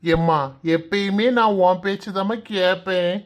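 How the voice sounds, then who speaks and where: A woman's voice: medium pitch, steady tone, unhurried, close to an everyday voice. A woman voicing a soothing grown son. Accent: Kanyakumari Tamil. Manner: soothing and pleading. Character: gentle pleading grown son, peacemaker. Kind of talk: cartoon voice acting.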